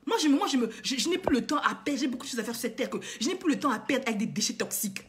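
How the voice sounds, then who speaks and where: A woman's voice: on the high side, expressive, rapid-fire. A woman vlogger and coach lecturing her viewers with indignant, emphatic rhetorical questions and lots of repetition. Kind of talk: impassioned moralizing monologue to viewers.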